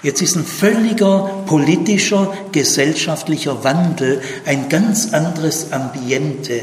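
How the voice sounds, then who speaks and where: A man teaching a Bible study, emphatic and animated, with many fillers and tag questions. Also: on the high side, unhurried, roomy sound, in a large hall, a little hiss or hum.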